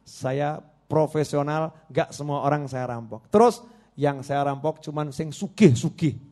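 A man's voice: fairly high pitch, unhurried, mellow, lightly acted. A man voicing a repentant male robber chief who confesses in a plain, matter-of-fact way.

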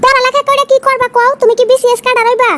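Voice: flat delivery, fast, a bit bright, slight background noise. A performer voicing an older, strict mother-in-law in a cartoon, firm and dismissive. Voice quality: high squeaky cartoon pitch. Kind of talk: cartoon voice acting.

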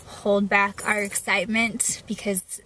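A woman's voice: mid-range voice, flat delivery, a little slow, sharp tone. A woman chatting casually in a family vlog, answering in a dry, understated way. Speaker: vlogger. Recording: noisy ambient background.

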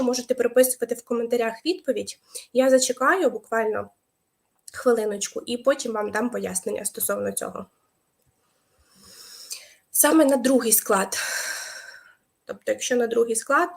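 Young woman, teacher, live online lesson, slightly high voice, patient explaining, hesitant fillers. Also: vocal fry. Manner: explanatory, waits for viewers' answers, hesitant fillers.

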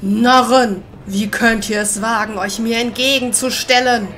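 Woman doing a loud, menacing serpent demon. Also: on the high side, fairly even intonation, unhurried, a little hiss or hum. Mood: menacing, grandiose. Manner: loud, grandiose, threatening delivery. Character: menacing arrogant serpent demon, would-be underworld god. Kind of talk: dramatic video game villain read-aloud.

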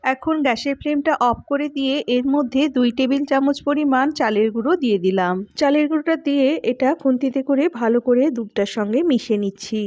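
A woman, host of a cooking channel, calmly narrating a recipe step by step and speaking to her viewers as friends. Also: sits high, fast, hardly any pauses, no echo, muffled recording. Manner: calm, instructive, addresses viewers as friends.

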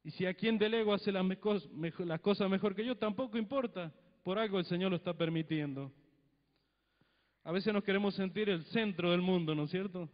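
This middle-aged Argentine man from Mendoza has a voice that sits high and moves a little fast as he preaches with a handheld mic in a church hall. His Cuyo Spanish delivery is conversational, heavy on tag questions, and he acts out short back-and-forths. A long reverb tail and dull lo-fi quality mark the recording.

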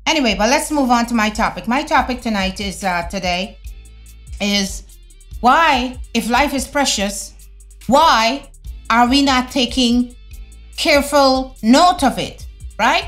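A middle-aged woman talking to camera in a casual opinion vlog at home, animated and conversational with slangy asides. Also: a little high, unhurried, faint music behind. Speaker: vlogger. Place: home room, indoors. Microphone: fixed camera at desk.

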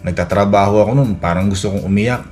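A male vlogger living in Edmonton, Canada, tells stories about his own experiences casually, in a rather low, slightly mellow voice at a quick pace. He rambles, restarts often, stammers, uses many fillers like "ano" and acts out quoted dialogue, with faint music behind.

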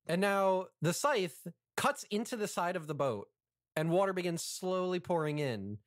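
Game master voice, calm measured narration, swings up and down a lot, dry close sound. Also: mid-range voice, dry recording.

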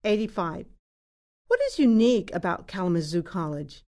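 A woman's voice: fairly low pitch, animated, moderate pace, darkish tone. A woman test narrator reading numbered exam questions as scripted narration.

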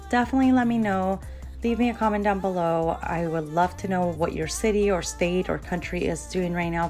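Low-voiced chatty woman vlogger. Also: a little mellow. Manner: chatty, talks straight to viewers. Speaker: cleaning vlogger. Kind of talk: casual voice-over chat. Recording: background music.

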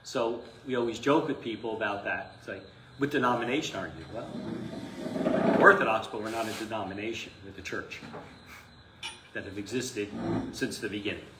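A middle-aged priest of the Orthodox church speaks at a moderate pace in a fairly low voice while giving an informal live lecture in a small classroom. He is conversational and emphatic, often posing rhetorical questions and digressing. The echoey recording has some noise, with the microphone placed far away.

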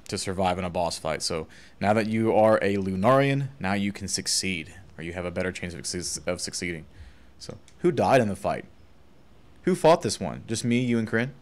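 A young man with a lowish voice talks casually over his gameplay, easygoing and chatty. He keeps dropping filler words. Soft game music runs in the background. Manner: laid-back, chatty, says "man" and "like" a lot. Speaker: streamer playing a video game. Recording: faint game music behind.

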